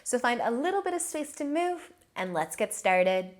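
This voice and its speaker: A woman teaching a live yoga class, giving slow, soothing cues and drawn-out breath prompts. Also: fairly high pitch, very animated. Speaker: yoga instructor. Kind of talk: guided yoga class instruction.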